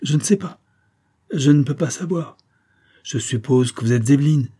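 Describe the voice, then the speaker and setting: A man reading the lines of a calm, matter-of-fact man facing something uncanny, in an audiobook. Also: medium pitch, normal speed, husky, voice pushed up.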